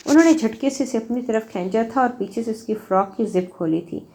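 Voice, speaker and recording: A woman's voice: fairly high pitch, warm tone. A woman reading an episodic novel aloud as narrator, in a dramatic storytelling manner.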